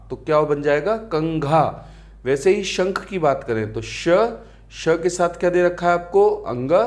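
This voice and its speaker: A man teaching grammar in a lecture, often asking the class rhetorical questions and calling them friends. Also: a little high. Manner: asks rhetorical questions, calls students friends and beta.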